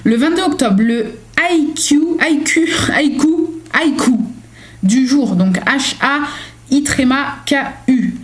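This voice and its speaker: A young woman vlogs casually from home, reading out daily journal questions and answering them with plenty of fillers and self-mocking asides. Her voice sits on the high side with a darkish tone.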